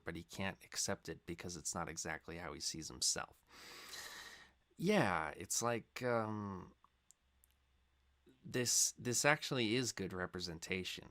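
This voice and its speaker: A young man hosting a reaction video, talking in a rambling, filler-heavy way that swings into loud, impassioned rants. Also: low voice. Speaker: reaction channel host. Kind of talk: casual reaction commentary.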